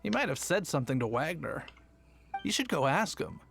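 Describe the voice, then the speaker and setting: Easygoing knight with a higher voice. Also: male voice, very animated, moderate pace, creaky, fairly bright tone, full character voice. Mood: helpful. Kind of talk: anime game voice acting. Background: game music.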